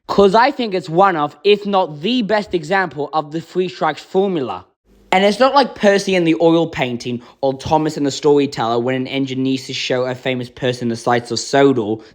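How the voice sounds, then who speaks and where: A man with a slightly raised voice talks straight to his viewers in casual video commentary. He lays out his argument point by point in an earnest, explanatory manner, sometimes slipping into quoted lines. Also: on the high side. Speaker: channel host reviewing a children's show episode.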